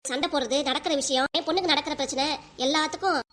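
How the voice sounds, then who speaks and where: Brief: woman voicing a harsh scolding cartoon mother-in-law, bright tense tone. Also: sits high, fast talker.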